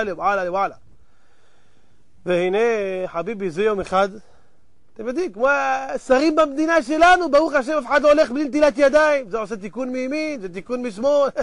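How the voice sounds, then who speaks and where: Very high-voiced, dramatic male preacher. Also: no room sound. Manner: dramatic, swinging between loud exclamations and hushed asides; addresses the audience directly. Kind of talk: sermon with a told parable.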